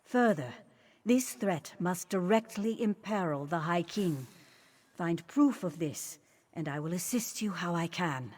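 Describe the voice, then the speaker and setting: Fantasy game queen: lowish pitch, dignified, formal, measured and politically shrewd. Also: animated, a little mellow, slightly rough. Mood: grave, firm. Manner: formal, regal, deliberate. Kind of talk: video game character dialogue.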